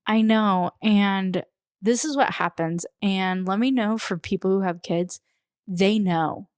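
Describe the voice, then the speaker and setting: Chatty mom rambling in a dry room. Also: female voice, mid-range voice, slow pace, smooth, no echo. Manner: chatty, rambling, animated storytelling. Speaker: podcast co-host. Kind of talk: casual chat.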